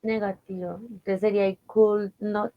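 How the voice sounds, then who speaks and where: A woman's voice: medium pitch, level tone, normal speed, dull audio. A woman student answering her teacher in an online class, hesitant and careful.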